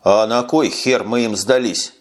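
Man voicing gruff old male sergeant, Ukrainian accent, slow drawl, blunt grumbling, audiobook. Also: mid-range voice, natural voice. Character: gruff older male police sergeant, stubborn.

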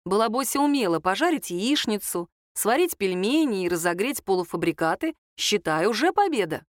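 An audiobook narrator, a woman, reads a novel as scripted narration, telling the story in an even, lightly wry manner. Her voice is mid-range and her pace moderate, captured in clean studio sound with no room sound.

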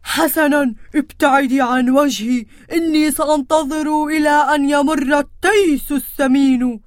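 A woman voicing an ugly, threatening troll who speaks loudly and slowly. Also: sits high, fairly even intonation, dry recording, studio quality, lightly acted. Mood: gruff dismissive. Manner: loud, threatening, slow. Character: ugly menacing troll under a bridge.

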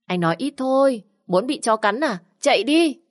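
A woman's voice: lowish voice, a little fast, natural voice. A woman voicing a bold, mischievous young woman who teases and talks brashly. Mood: teasing. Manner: teasing, brash.

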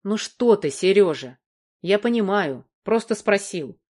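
Woman voicing an older man, fatherly, protective, measured, gently reassuring, audiobook dialogue. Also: medium pitch, expressive.

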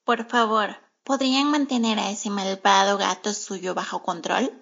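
A woman's voice: mid-range voice, fairly even intonation, a little slow, vocal fry, a bit bright. A woman voicing a cranky, fussy woman at the vet in a storybook reading, speaking harshly and complaining, on a muffled lo-fi radio recording. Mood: irritated.

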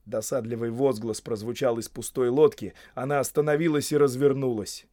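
Steady male audiobook narrator, dry sound. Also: mid-range voice, no room sound. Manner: measured, steady storytelling.

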